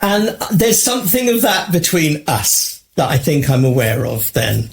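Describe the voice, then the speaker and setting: A man's voice: a little high, very animated, a little slow, creaky, slight background noise. A man with a posh London English accent in casual podcast conversation, thinking aloud with hedges and easy laughter. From England. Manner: thoughtful, hedging, laughs easily. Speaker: podcast co-host.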